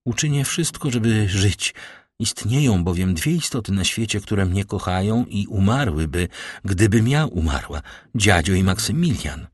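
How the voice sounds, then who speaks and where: A man's voice: on the low side, lively intonation, normal speed, breathy edge, dry recording, studio quality. A man reading aloud and voicing a frightened, pious young noblewoman in a pleading, tremulous way.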